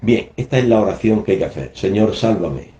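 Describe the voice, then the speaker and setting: Older guy in his 70s preaching on the radio, low mellow voice, earnest, roomy echo. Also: expressive, fast. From Spain. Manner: earnest, emphatic, acts out scripture quotes. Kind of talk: radio sermon. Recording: echoey, dull lo-fi radio broadcast.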